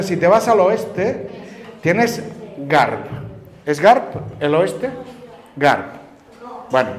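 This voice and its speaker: Teaching a group about where words come from, this Canarian Spanish man, whose voice is on the high side, asks his students patient questions. He speaks in a large room, with the lively noise of a crowd of listeners all around.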